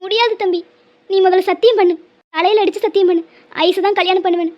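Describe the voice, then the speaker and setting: Woman voicing a melodramatic cartoon mom, guilt trips nonstop, talks super fast. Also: very high-pitched, fairly even intonation. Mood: tearful demanding. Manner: pleading, melodramatic, guilt-tripping. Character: middle-aged Tamil mother, emotional, stubborn, tearful. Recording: muffled lo-fi audio.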